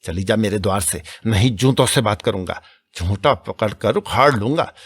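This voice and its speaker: A bitter young village man rants fast and resentfully, pouring out old grievances, as a male narrator voices him. His voice is low, husky and dry, close to the reader's own. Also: expressive. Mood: threatening. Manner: rapid, resentful ranting.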